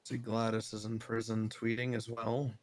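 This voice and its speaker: A man in a casual role-play chat, speaking with a flat, dry delivery over a game voice mic. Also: lowish voice, normal speed, dry recording. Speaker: fellow role-player.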